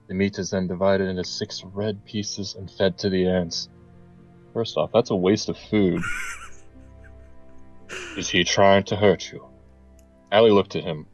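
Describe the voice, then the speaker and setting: A man's voice: lowish voice, lo-fi sound. A young man reading a garbled story aloud, often breaking off to laugh and comment. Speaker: reader and channel host. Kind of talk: improvised comedic reading.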